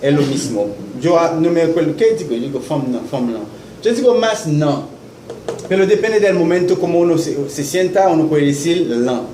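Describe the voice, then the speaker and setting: A man teaching in a classroom, slowly repeating words for students to echo. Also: on the high side, animated, dark tone. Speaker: Haitian Creole teacher. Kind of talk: classroom lesson. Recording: echoey classroom with faint noise.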